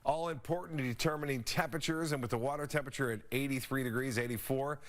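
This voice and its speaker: A man's voice: mid-range voice, steady tone, fast. A man presenting a local TV weather forecast in a folksy, conversational, unscripted way.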